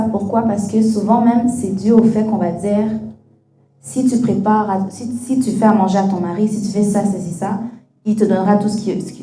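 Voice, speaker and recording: A woman's voice: mid-range voice, warm tone. A woman hosting a casual faith-based conversation, frank and opinionated, slipping English phrases into her talk. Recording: echoey room with faint music.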